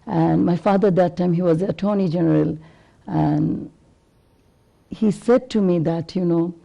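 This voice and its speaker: A woman's voice: on the low side, unhurried, creaky, dark tone, poor audio. A woman in her fifties, a classical singer talking earnestly in an interview with loose, rambling phrasing. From Bangladesh. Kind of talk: conversational interview.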